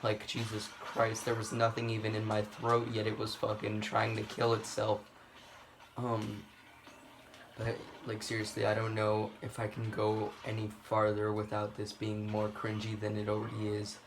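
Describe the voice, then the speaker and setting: A man's voice: lowish voice, completely flat delivery, normal speed, slight background noise, rough recording. A man rambling through casual gameplay commentary, swearing freely and making self-deprecating asides. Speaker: gaming video host.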